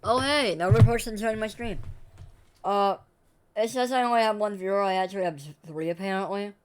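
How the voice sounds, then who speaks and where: A young man streams a game, chatting casually and rambling to his viewers between reactions, often correcting himself. His high-pitched voice moves a little fast, with a faint hiss or hum in the recording.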